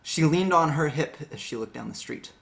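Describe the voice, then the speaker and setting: A man's voice: a little high, animated, brisk, creaky, a bit bright. A man giving a hammy, theatrical dramatic reading of a story, like a stage actor. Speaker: reader of a story.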